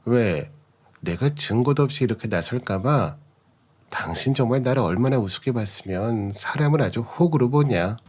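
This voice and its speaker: A man's voice: mid-range voice, animated, normal speed, a little mellow, husky. A man voicing a betrayed young wife who confronts her husband with cold sarcasm. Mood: scornful.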